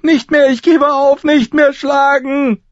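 A man voicing a terrified fat boy recruit who shrieks in a shrill, panicked voice. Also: flat delivery, takes it slowly, no room sound, muffled recording. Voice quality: shrill, screeching.

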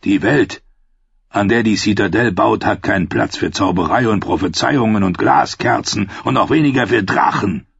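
A man voicing a sardonic old male archmaester, speaking dryly and with quiet menace. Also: fairly low pitch, gravelly, husky, no echo, exaggerated voice. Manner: dry, menacing, unhurried. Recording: dull, dry lo-fi recording.

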